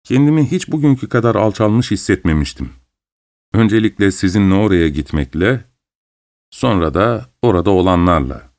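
A man playing a proud, irritable gentleman with a curt, scornful delivery. The voice is low but swings widely, and it is read as an audiobook character. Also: expressive, moderate pace. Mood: irritated.

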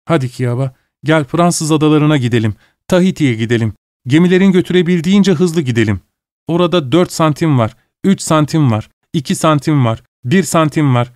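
A man's voice: a little high, animated, fairly quick, a little mellow, dry recording, studio quality, pitched above the performer's own voice, natural voice. A man reading a story aloud, voicing a resolute, loving young Hawaiian wife in a raised, earnest pleading tone. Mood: determined. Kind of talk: audiobook character voice.

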